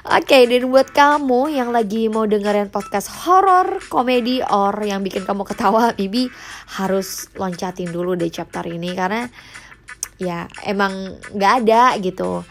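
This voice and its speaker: A woman's voice: mid-range voice, expressive, measured pace, slight background noise. A young woman, hosting her own podcast in a chatty way with lots of fillers and English phrases thrown in. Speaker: podcast host. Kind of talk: casual solo podcast.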